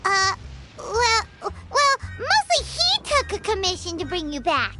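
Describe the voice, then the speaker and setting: A very high, squeaky little fairy girl, chirping along as a cheeky game companion. Her pitch leaps all over the place, and loud game music swells behind her. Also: a little slow, full character voice. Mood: flustered. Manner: squeaky, excitable, talks about herself by name. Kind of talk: video game dialogue.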